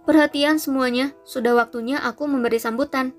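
A woman's voice: high voice, steady tone, brisk, soft background music, pitched above the performer's own voice, natural voice. Woman doing a stiff proud ghost nobleman. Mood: announcing. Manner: stiff, formal, bitter.

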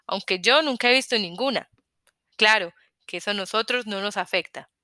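A woman's voice: mid-range voice, moderate pace, bright, forceful tone, no echo, clean studio sound, close to an everyday voice. A woman voicing a stocky, easygoing soldier. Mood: friendly.

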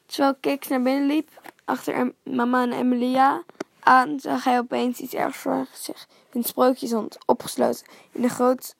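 Female storyteller for a children's book: calm, even, gravelly, dry close sound. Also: sits high, moderate pace, no echo. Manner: calm and steady, dropping to a near whisper at times, with small reading slips. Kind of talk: reading a children's story aloud.

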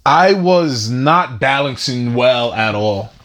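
A man's voice: mid-range voice, lively intonation, slow pace, fairly bright tone. A man chatting casually and reflectively, thinking aloud in an informal, slangy way.

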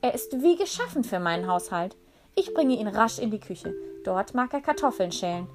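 A woman's voice: medium pitch, sing-song, music in the background, lightly acted. Woman playing a pompous old sorcerer. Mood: gleeful. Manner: loud, haughty and quick to anger.

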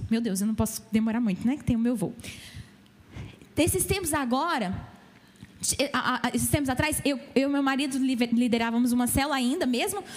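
A middle-aged woman pastor preaching a sermon to a church, emphatic and full of direct questions to her listeners. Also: high voice.

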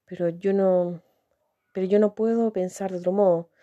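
A woman's voice: medium pitch, fairly even intonation, normal speed, dark tone, no echo, highs cut off, close to an everyday voice. A woman reading aloud, voicing a blunt, lonely young woman in a storybook reading, with a candid, hesitant way of talking. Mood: wistful. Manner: candid, musing, hesitant restarts.

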